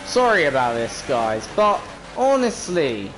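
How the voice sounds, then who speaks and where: British guy moaning through a racing game, exasperated casual chat, slow drawn-out delivery, car noise in the back. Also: on the high side, very animated. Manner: grumbling, exasperated, colloquial. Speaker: gamer, video creator. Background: racing game engine sound.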